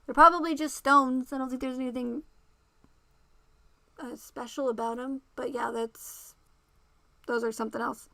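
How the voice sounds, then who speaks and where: A woman with a fairly high, bright voice, now gravelly and turning raspy, hosts a relaxed livestream and speaks straight to her chat, greeting viewers by name. She talks at normal speed with long pauses, repeating herself and circling back to the same points. The audio is dry and close, without any room echo.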